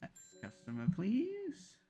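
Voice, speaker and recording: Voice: medium pitch, wildly swooping pitch, takes it slowly, mellow, breathy edge. A livestreamer playing a game, reading its text aloud and chatting casually, with playful exclamations and murmured asides. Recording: game music behind the voice.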